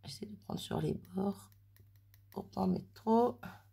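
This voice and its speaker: A woman's voice: medium pitch, unhurried, gravelly, warm tone, slightly rough. A woman chatting casually as she demonstrates a craft project at home, thinking aloud and poking fun at herself. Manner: chatty, self-deprecating, thinking aloud while working. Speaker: crafter demonstrating mixed-media art. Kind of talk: casual craft tutorial narration. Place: home craft room with oven running in background.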